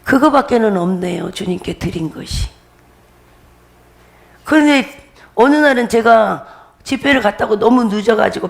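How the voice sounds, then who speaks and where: A woman's voice: on the high side, vocal fry. A woman pastor giving a testimony sermon, emphatic and repetitive, often breaking into laughter as she urges her listeners.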